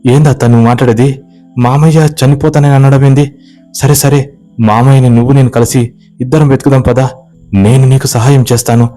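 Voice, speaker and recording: A man's voice: mid-range voice, fairly even intonation, brisk, long pauses, warm tone, soft background music, natural voice. A man voicing a worried young village man who keeps coaxing a stranger with urgent questions. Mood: alarmed.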